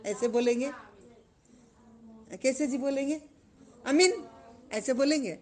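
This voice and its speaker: High-voiced woman teaching religion to children. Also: darkish tone. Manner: questioning the class, drawn-out chanting of phrases.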